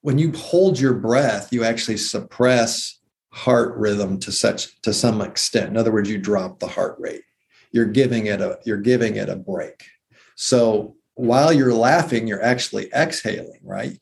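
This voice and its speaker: Gravelly man explaining anatomy with enthusiasm. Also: fairly low pitch, moderate pace, darkish tone, slight background noise. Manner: enthusiastic, detail-heavy, lists muscle names. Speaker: former anatomy teacher, guest. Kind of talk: casual conversational explaining.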